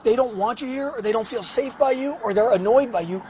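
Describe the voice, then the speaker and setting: Brief: hoarse male cop, quick speech, firm and patient in an argument. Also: very high-pitched, crowd noise. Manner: firm, patient, keeps repeating himself. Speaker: police officer.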